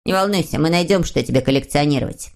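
A gentle young Moomintroll from a storybook, put on by a woman reading aloud. He speaks low and softly and comforts his friend. His tone stays kind and helpful. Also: animated, moderate pace. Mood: reassuring. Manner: soft and reassuring. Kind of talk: audiobook reading.

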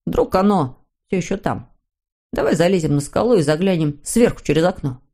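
Snufkin, a woman doing a calm cautious wanderer. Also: fairly low pitch, moderate pace. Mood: wary. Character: cautious wandering young male vagabond.

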